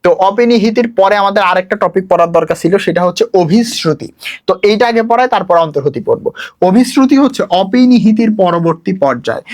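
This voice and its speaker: A young man, teaching a recorded grammar lesson for admission exams, who asks questions and answers them himself. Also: high-pitched. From Bangladesh. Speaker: admission exam tutor.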